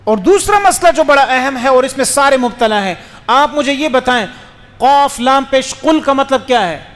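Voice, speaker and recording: A man's voice: very high-pitched, expressive, a bit bright, in a large hall. A man giving a religious lecture as a mufti, questioning his listeners and explaining rules patiently. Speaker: mufti preacher.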